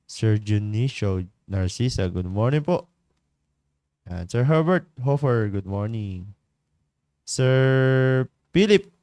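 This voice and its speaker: A man leads a morning devotion from a studio, greeting viewers and talking in an easygoing, unhurried way. His voice is smooth and clear, recorded close and dry, and he chuckles and hesitates often. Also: lowish voice, animated, dark tone, dry recording. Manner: chatty, laughs often, many fillers. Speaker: devotion leader and livestream host. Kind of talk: casual livestream greetings and devotional talk.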